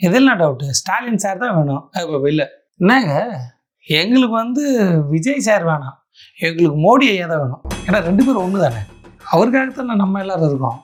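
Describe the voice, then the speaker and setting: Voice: medium pitch, big pitch swings, a little fast, breathy edge, soft background music. A satirical commentator, giving mocking reaction commentary in a sarcastic, theatrical way.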